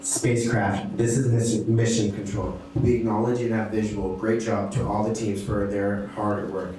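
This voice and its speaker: A man's voice: on the low side, little pitch movement, moderate pace. A man acting as mission control comm officer, heard over an intercom in a space-mission role-play and speaking in formal radio protocol. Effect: heard over an intercom speaker in a sci-fi mission role-play. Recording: roomy intercom sound from far off with background noise.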